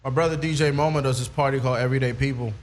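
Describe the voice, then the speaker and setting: Relaxed man, thoughtful interview guest. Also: medium pitch, very fast, a little hiss or hum. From Queens, New York. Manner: relaxed, thoughtful, many fillers. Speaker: guest rapper. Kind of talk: casual interview chat.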